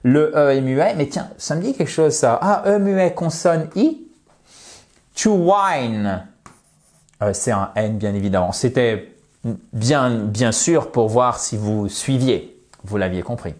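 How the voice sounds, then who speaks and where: Casting note: a man as a lively French-speaking English teacher, mid-pitched, modeling words slowly. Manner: lively, addresses viewers directly, checks with "ok?" and "d'accord?". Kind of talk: online lesson, explaining to viewers.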